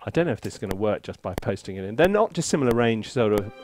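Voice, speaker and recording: Orchestral sample music plays behind a composer who reviews and demonstrates music software in a laid-back, think-aloud style. His fairly low voice is very animated and rapid-fire, and his manner is chatty, playful, and self-deprecating.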